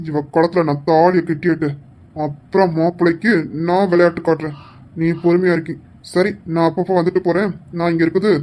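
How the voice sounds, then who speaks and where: A woman's voice: lowish voice, darkish tone, natural voice. A woman voicing a scheming, sleazy young man who is a wife's brother, in a home-made audio drama. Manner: smug, sly and sleazy.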